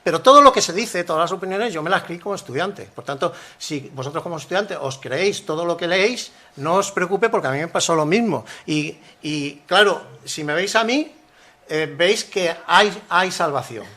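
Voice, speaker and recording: An older man giving a university conference lecture, animated and rhetorical, often acting out the phrases he quotes. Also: high-pitched, moderate pace. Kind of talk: academic conference talk.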